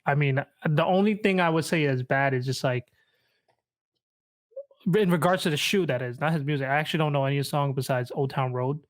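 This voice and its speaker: A man's voice: a little high, a little fast. A young man with a slightly raised voice trades jokes on a casual podcast. He talks loosely, swears freely and breaks into laughter between points. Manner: jokey, laughs often, swears. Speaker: podcast co-host. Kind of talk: casual chat.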